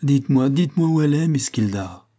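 A man's voice: mid-range voice, animated, brisk, mellow, pitched above the performer's own voice, lightly acted. A man reading an audiobook aloud, voicing a proud, spirited young heiress in a lifted voice. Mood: proud, urgent.

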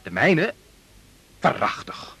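Husky male police sergeant, theatrical and blustering, lively pitch, radio play. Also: takes it slowly, no room sound, exaggerated voice. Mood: alarmed. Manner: mocking and theatrical, then panicky.

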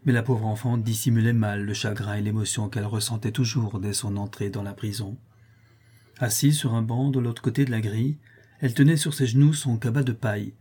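A man reading a classic French novel aloud in steady, measured audiobook narration. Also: lowish voice, slightly rough.

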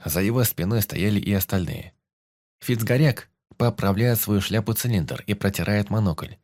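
A man's voice: fairly low pitch, moderate pace, darkish tone, dry recording, studio quality. A man giving an intense, dramatic first-person audiobook narration.

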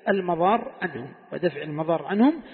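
A high-pitched man teaches a religious text, walking through each point and quizzing his students with rhetorical questions. His voice comes through a thin, phone-like recording with a long echo of a lesson hall. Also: animated, quick pace. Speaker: sheikh teaching Quran commentary. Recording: tinny phone-like sound in an echoey hall.

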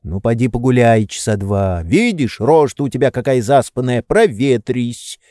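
A man voicing a flustered, impatient gentleman. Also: mid-range voice, lively intonation, normal speed, no room sound, clean studio sound, lightly acted. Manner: pleading, then shouting orders. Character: lazy, flustered young Russian gentleman.

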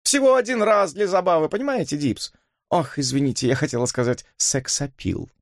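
A man's voice: fairly high pitch, brisk, no echo, studio quality, pitched above the performer's own voice, natural voice. A man reading an audiobook, voicing a flippant, mocking young woman who drawls her words. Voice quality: drawling, teasing.

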